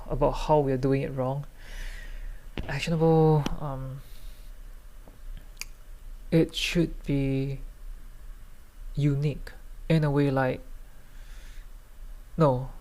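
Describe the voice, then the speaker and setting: A man's voice: medium pitch, vocal fry, mellow. A man podcasting solo in a tipsy, loose, rambling casual chat, hesitating, trailing off and circling back. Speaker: podcast host.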